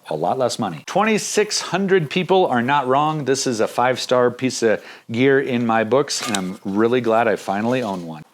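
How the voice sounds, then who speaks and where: A man talks through budget camping gear in a relaxed vlog style. He sounds upbeat and plainspoken and slips in jokes. His voice sits at an ordinary middle pitch. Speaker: outdoor gear reviewer. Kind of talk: casual gear review vlog.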